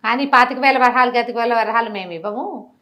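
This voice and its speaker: A woman tells a moral story as if chatting with you, speaking very fast in a fairly high voice. She's animated and preachy, acting out dialogue, tossing in rhetorical questions, and turning to the listener to hammer home the lesson.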